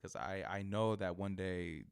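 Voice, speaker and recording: A man's voice: deep voice, steady tone, creaky, clean tone. A man with a lisp from missing front teeth, chatting earnestly and casually as an interview guest, often repeating words. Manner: earnest, halting with repeated words, frequent "you know". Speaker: barber, podcast guest.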